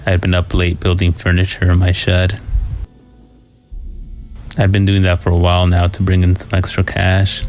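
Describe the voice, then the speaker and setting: A man reading a scripted first-person scary story in a low, haunting, somber manner. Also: monotone, moderate pace, pauses often, a little mellow. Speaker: horror story narrator. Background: music.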